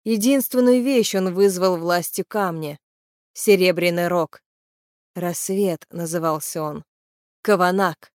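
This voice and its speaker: A woman reading a fantasy novel aloud in steady, even storytelling narration. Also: fairly low pitch, measured pace, no room sound, studio quality. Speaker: audiobook reader.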